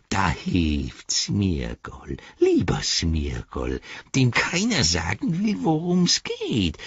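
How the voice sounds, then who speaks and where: A man's voice: low-pitched, fairly bright tone, lo-fi sound, heavily acted. A man voicing the wretched creature Gollum in an audiobook, sly and cringing, speaking of himself in the third person. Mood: wheedling. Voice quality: hissing, gravelly whisper. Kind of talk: audiobook character voice.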